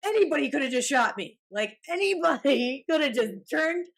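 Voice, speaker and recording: A woman in her thirties co-hosting a casual podcast, telling stories with animated energy. Her voice sits a little high, and she swears and laughs easily as she talks. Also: normal speed, creaky. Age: 30s. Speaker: podcast co-host. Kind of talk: casual chat.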